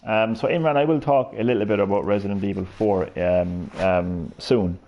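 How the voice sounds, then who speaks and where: An Irish live streamer in his thirties with a Cork accent chats and jokes with his viewers while commenting on the game he's playing. His lowish voice moves at a moderate pace, and the audio sounds dull.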